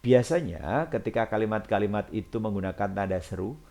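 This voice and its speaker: A man with a fairly low voice gives a recorded language lesson. He explains patiently and slows right down to read each English example with clear stress. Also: lively intonation, warm tone. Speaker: English teacher.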